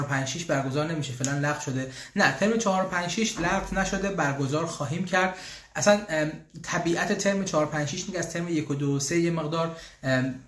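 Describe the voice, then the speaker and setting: A man hosting a casual live question-and-answer session for his language school, chatty, pausing often with fillers and restarts. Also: mid-range voice, reverberant. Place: room in Austria, church bells heard.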